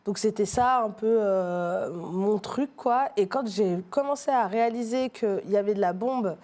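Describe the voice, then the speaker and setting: In a laid-back interview, a middle-aged woman from Martinique, a street artist appearing as a guest, talks through her answers with a warm, mellow tone at medium pitch. Her speech is hesitant, full of fillers and restarted sentences.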